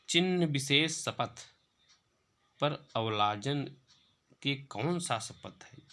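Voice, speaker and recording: Bright-voiced man teaching an exam lesson. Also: a little high. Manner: reads questions aloud, then explains and dictates answers; slow, drawn-out recital when reading verse.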